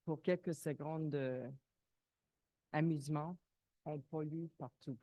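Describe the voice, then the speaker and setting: A woman's voice: sits low, fairly even intonation, slow, mellow, no room sound, lo-fi sound. A woman who is not a native French speaker, with a foreign accent in French, raising questions informally as a resident at a public meeting and searching for her words.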